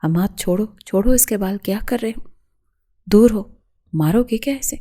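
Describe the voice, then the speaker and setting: A woman's voice: medium pitch, dark tone, natural voice. Woman doing a stern scolding aunt. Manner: scolding, commanding. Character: stern middle-aged aunt, scolding head of household.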